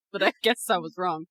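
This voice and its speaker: A woman's voice: mid-range voice, bright, forceful tone, no echo. A woman co-hosting a podcast, narrating a creepy scenario to her friend with teasing laughs. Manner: laughs often, teasing, storyteller. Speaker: podcast co-host. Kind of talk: casual chat, narrating a spooky scenario.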